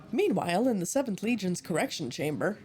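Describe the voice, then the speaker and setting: A woman's voice: medium pitch, a little mellow, a little hiss or hum. A woman streaming a game, chatting with friends in a playful, joking way and laughing often. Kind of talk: casual gaming commentary. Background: game music.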